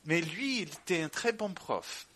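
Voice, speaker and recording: A man, a native English speaker with an English-speaking accent in French, chatting casually and reminiscing, often halting as he searches for words. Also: a little high, expressive, bright, forceful tone, slightly rough. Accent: foreign, English-speaking.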